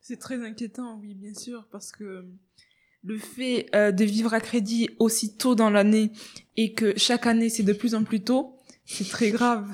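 A woman on a radio panel, soft-spoken and using fillers. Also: on the high side, steady tone, measured pace. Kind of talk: casual panel talk.

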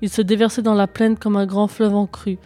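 A woman storyteller reading a folk tale aloud in a steady, expressive way. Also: medium pitch, a little fast, faint music behind.

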